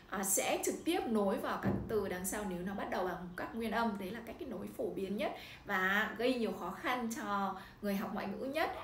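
Vietnamese woman tutor, higher voice, animated teaching delivery; roomy echo, a bit off-mic. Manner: animated, exaggerates intonation in demos. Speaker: language-learning tutor. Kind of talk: instructional video talk. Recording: echoey room, somewhat distant mic, faint noise.

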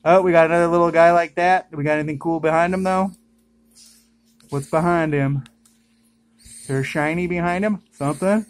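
A vlogger chatting casually indoors while opening trading card packs, with excited exclamations at each good pull. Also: medium pitch, a little fast, pauses often. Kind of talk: casual unboxing commentary. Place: indoors at home.

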